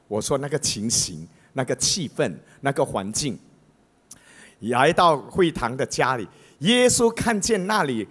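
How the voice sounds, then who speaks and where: A man with a Malaysian accent, a pastor preaching a sermon as an animated storyteller who mimics voices. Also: mid-range voice, breathy edge.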